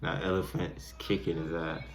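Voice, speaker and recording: A man giving casual, excitable video reaction commentary, repeating phrases and breaking into shocked laughter between his remarks. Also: low voice, a little fast. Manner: excitable, repeats phrases, playfully voices the animals. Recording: roomy echo, clear background noise.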